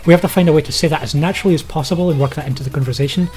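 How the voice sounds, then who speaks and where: Faint music plays behind a young podcast co-host speaking from a small home studio. His slightly high, darkish voice comes rapid-fire, yet his explanations in casual chat are hesitant and laden with ums and likes.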